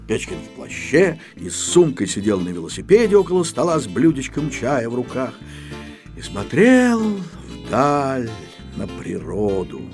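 A man narrating a children's storybook in an unhurried, expressive reading. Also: medium pitch. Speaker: audiobook narrator. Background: faint guitar music.

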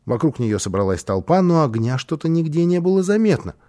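Animated male storybook narrator. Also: fairly high pitch, a little fast. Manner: expressive, animated reading. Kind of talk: storybook reading aloud.

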